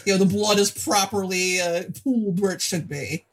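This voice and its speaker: Husky-voiced woman chatting about films. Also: mid-range voice, steady tone. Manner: halting, repeats words as she explains. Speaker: podcast co-host. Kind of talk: casual film discussion.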